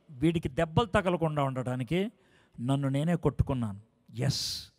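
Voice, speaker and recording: A man preaching a sermon as a dramatic story, swinging from soft, hushed lines to loud climaxes. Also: on the high side. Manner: acts out quoted dialogue in story.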